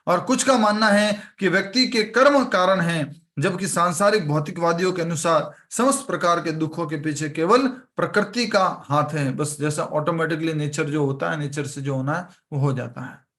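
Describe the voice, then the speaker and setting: A man's voice: on the high side, normal speed, few pauses, a bit bright. A man teaching an online scripture class over a video call, telling a story and acting out the characters' lines.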